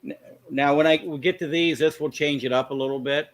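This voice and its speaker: A man's voice: fairly high pitch, steady tone, brisk. A man hosting a casual livestream chat about his comic collection, often stammering and restarting his sentences.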